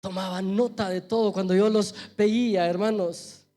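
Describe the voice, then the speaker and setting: A man preaching a sermon in a church, telling stories and swinging from loud urgency to a hush. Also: sits high, fairly even intonation, moderate pace, faint music behind. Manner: storytelling preacher, swells loud then drops to a hush. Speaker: pastor.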